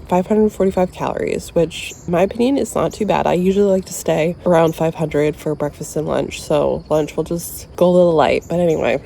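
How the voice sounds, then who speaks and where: A woman's voice: on the low side, creaky, mellow, a little hiss or hum. A woman who is under the weather, chatting casually and informally to camera in a self-deprecating vlog style. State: sick with a cold. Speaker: vlogger.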